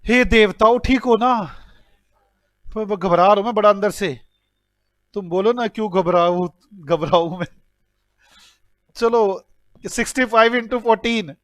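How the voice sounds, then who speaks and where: A man's voice: sits high, measured pace, pauses often, a bit bright, no room sound, studio quality. A man teaching a class, working through sums aloud and joking with his students as he goes. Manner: teasing, joking with students while calculating aloud; mixes English numbers into Hindi speech. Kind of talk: classroom lecture solving problems.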